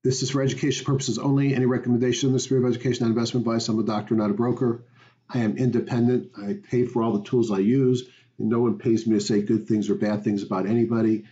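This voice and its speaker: A man's voice: mid-range voice, little pitch movement, fast, warm tone, lo-fi sound. A man, a stock market educator, hosting a weekly market review, talking conversationally and rambling with fillers.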